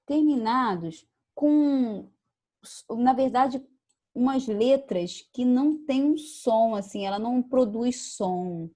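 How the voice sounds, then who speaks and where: A woman's voice: on the high side, slow pace, dark tone. A woman English teacher from Brazil giving an online lesson, patiently repeating words and checking in with her students. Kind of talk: online lesson explaining pronunciation.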